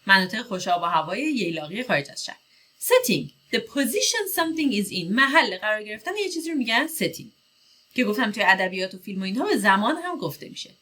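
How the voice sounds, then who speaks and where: Persian woman, lively English lesson. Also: mid-range voice. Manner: explains each word, then reads English phrases slowly. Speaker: English teacher. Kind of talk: vocabulary lesson.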